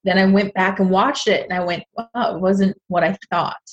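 Lively, laughing woman podcast co-host. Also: medium pitch, moderate pace, lo-fi sound. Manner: animated storyteller, laughs often, does playful voices. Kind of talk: casual chat.

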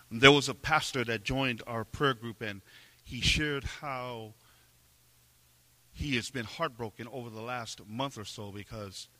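A male pastor preaching a sermon in a church, earnest, shifting between quiet reflection and louder, higher emphasis. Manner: earnest preaching, swells louder and higher when pressing a point; drops to a soft, quiet tone when reflecting. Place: church sanctuary. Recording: long reverb of a church hall.

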